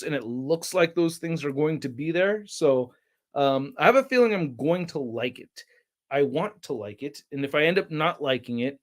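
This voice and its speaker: A young man hosting a casual toy channel livestream, rambling and reading chat names aloud with excitable bursts. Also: on the high side. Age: young adult.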